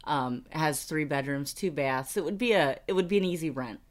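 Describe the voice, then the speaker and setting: Here a thirtysomething American woman co-hosting a personal finance podcast talks in a relaxed, chatty, story-driven manner. Her pitch is low and her delivery a little quick.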